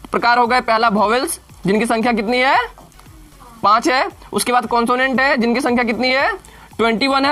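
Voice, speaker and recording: A male teacher giving a classroom grammar lesson, who keeps asking questions and answering them himself, spelling words out slowly letter by letter. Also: extremely high pitch, bright, forceful tone.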